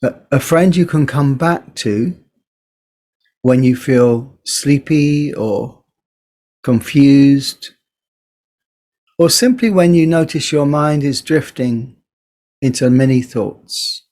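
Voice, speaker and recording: A man teaches a guided body scan meditation in a medium-pitched voice. He speaks gently, in short phrases, with unhurried pauses between them.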